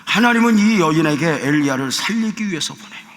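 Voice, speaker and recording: An older man, a senior pastor, preaching a sermon with stories, acting out the dialogue and swinging from hushed tones to shouting. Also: a little high, lively intonation, fast, a little hiss or hum. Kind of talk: sermon with storytelling. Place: large church sanctuary. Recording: long church hall reverb.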